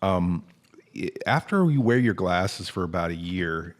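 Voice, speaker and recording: A man's voice: low-pitched, animated, unhurried. A man hosting a comedy podcast, chatting casually and rambling, often stammering and restarting his sentences. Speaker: podcast host.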